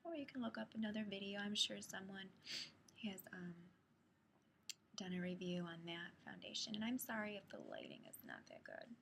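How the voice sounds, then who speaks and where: Young woman whispering a makeup demo late at night, a bit stuffy from a cold; gravelly texture, faint hiss. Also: mid-range voice, very animated, moderate pace, fairly bright tone. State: has a cold, sniffly. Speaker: beauty vlogger. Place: home at night, others asleep.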